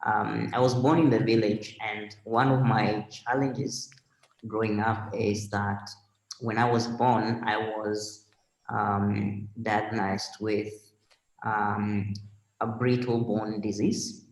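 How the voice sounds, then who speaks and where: A man from Kenya with a Kenyan accent, a guest on a remote video interview, speaking in a measured way with many pauses and fillers. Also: lowish voice, little pitch movement, echoey room, low-quality recording. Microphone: video call.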